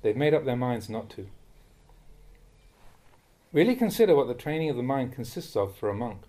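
A man, a monk, reading a Dhamma talk aloud in a measured, admonishing way that rises sharply when he scolds. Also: medium pitch, animated, mellow. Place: monastery.

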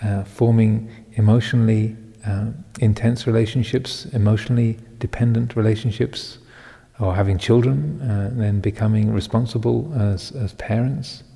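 A Buddhist monk in his fifties giving a Dhamma talk, reflective and halting, with many pauses and soft chuckles. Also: lowish voice, fairly even intonation, gravelly. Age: 50s. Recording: long hall reverb.

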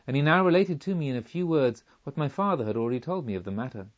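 A man's voice: mid-range voice, expressive, muffled recording. Man reading an audiobook somberly. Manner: measured, somber storytelling. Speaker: audiobook reader. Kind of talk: audiobook narration.

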